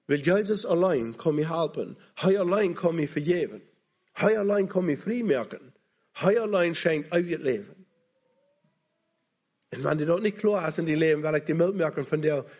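A man's voice: on the high side, darkish tone, husky. A man preaching a sermon, earnestly pleading with listeners to come to Jesus.

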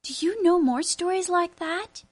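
A woman's voice: very high-pitched, measured pace, pitched above the performer's own voice. A woman voicing a timid, hopeful nine-year-old boy who sounds eager.

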